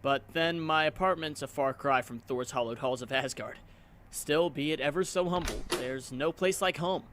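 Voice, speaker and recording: A man's voice: on the high side, normal speed, a bit bright, a little hiss or hum, close to an everyday voice. A man voicing an earnest, self-doubting and wry young superhero in a comic book dub, with theatrical delivery. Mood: wry, breezy.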